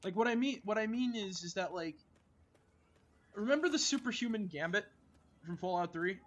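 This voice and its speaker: High-voiced rambling young man streamer. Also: expressive, normal speed, fairly bright tone, dull audio. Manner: rambling, full of filler likes and restarts. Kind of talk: casual gaming chat.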